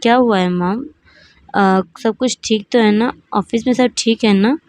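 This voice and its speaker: A woman's voice: a little high, measured pace, darkish tone, dry recording, close to an everyday voice. Woman doing a tired, pleading young son. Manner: pleading, defensive, restless questions. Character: tired young man, worried and defensive son.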